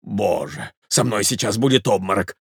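A man voicing a flustered jealous gentleman who whines and panics. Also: on the low side, animated, normal speed, husky, no echo, studio quality, pitched below the performer's own voice. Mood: frantic. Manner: panicky, whining. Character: flustered jealous middle-aged man hiding.

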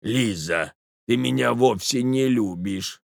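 A man voicing a frail, fussy old husband who mumbles slowly and coughs. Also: mid-range voice, gravelly, dry recording, studio quality, voice pushed down.

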